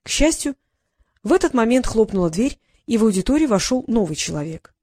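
A woman narrating an audiobook in a measured storytelling manner, close to the mic. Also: on the high side, big pitch swings, dark tone, no echo. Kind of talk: scripted narration.

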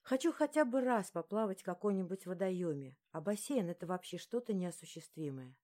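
A woman voicing a shy, eager young human woman in an audiobook, asking soft, hesitant questions. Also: on the low side, animated, a little fast, lightly acted. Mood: earnest. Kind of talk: audiobook narration.

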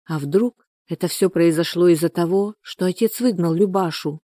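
A woman narrating a novel in an even, measured storytelling manner, close to the mic. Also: lowish voice, no room sound. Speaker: audiobook reader.

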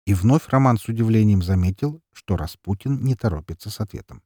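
A man reading an audiobook in an expressive, dramatic narration. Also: on the low side, a little fast, no echo, studio quality. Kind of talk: scripted narration.

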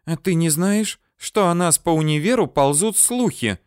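A man's voice: a little high, expressive, moderate pace, clean tone, no echo, clean studio sound, voice pushed up, natural voice. A man voicing an earnest, reproachful young female student in an audiobook, scolding in a rule-bound way. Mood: indignant.

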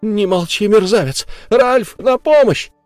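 A woman's voice: medium pitch, animated, unhurried, a little mellow, no room sound, faint music behind, pitched above the performer's own voice, natural voice. A man voicing a frightened pregnant village wife who screams and begs for help. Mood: defiant shouting. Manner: screaming and begging. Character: terrified pregnant village wife, pleading, defiant.

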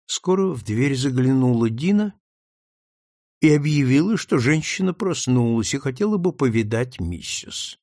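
A man narrating a classic novel in a measured storytelling manner. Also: mid-range voice, animated, a little mellow, dry recording, clean studio sound. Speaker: audiobook narrator. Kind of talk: scripted narration.

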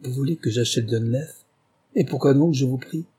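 A man's voice: mid-range voice, normal speed, mellow, husky, lightly acted. A man voicing a stern, sarcastic titled husband who lectures his wife in a curt, condescending way. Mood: indignant.

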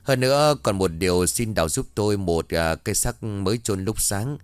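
A man voicing an old male village exorcist who explains things in a solemn, measured way. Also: lowish voice, expressive, smooth, no room sound, close to an everyday voice. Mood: grave.

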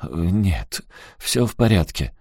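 A man's voice: low voice, big pitch swings, darkish tone, dry recording, studio quality, full character voice. A man reading an audiobook and voicing a bewildered, anxious middle-aged man. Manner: bewildered, plaintive, slow.

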